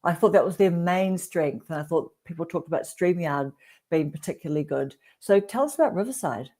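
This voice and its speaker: A woman in her forties with a New Zealand accent hosts a casual livestream chat, her fairly low, mellow voice animated and fairly quick. She's chatty and tells rambling stories packed with fillers.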